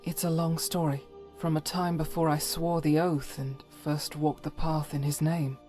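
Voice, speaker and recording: Lightly acted and at a moderate pace, this scripted fantasy-mod dialogue features a woman voicing a stern, devout holy warrior follower who carries private doubt. Her voice is low and dark with a level tone, solemn and formal, guarded but resolute, and faint music plays behind it.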